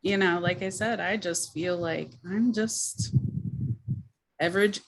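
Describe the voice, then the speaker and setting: A woman's voice: on the low side, slow pace, creaky, rough recording. A woman chatting casually as an online video creator, modest and somewhat hesitant in how she talks. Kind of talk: casual chat.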